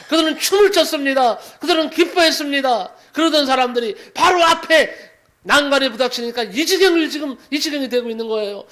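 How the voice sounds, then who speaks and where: Male pastor, high-pitched, dramatic sermon delivery with sharp swings in volume. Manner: dramatic preaching, swings from loud exhortation to hushed asides.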